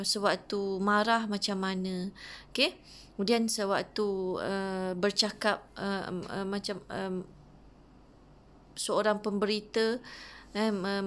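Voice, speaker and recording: A woman's voice: mid-range voice, fairly bright tone. Malaysian woman teacher, hesitant fillers. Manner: explains step by step, with frequent hesitant fillers. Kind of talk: recorded online class lesson.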